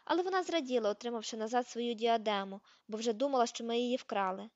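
A woman reading the part of a young man who calmly passes on family news, matter-of-fact. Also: a little high, fast, no room sound, muffled recording, lightly acted. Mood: reassuring.

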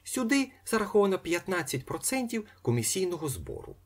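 A man voicing a brisk young woman clerk who speaks crisply and businesslike. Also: high-pitched, huge pitch swings, voice pushed up, exaggerated voice.

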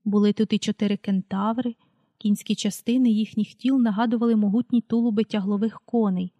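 A woman reading a children's story aloud in a calm, unhurried way, calling out page numbers as she goes. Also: mid-range voice, no echo, clean studio sound. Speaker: audiobook reader.

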